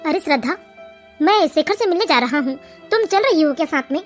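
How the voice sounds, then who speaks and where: A voice artist doing a calm, patient elder brother. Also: high voice, brisk, soft background music. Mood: conciliatory. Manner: calm, conciliatory. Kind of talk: animated cartoon voice acting.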